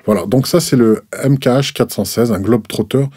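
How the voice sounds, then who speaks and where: A man's voice: medium pitch, a little fast, warm tone, husky, no room sound, clean studio sound. A man reviewing microphones in a casual, explanatory way, hesitant and full of restarts and fillers. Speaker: gear reviewer. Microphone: desk microphones at a distance, switched between.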